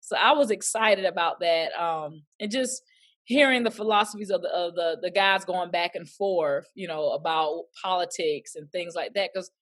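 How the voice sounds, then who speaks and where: A woman's voice: fairly low pitch, moderate pace. A woman, an actress chatting as an interview guest and acting out quoted voices as she tells stories. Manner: lively storyteller who acts out quoted voices. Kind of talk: casual interview chat.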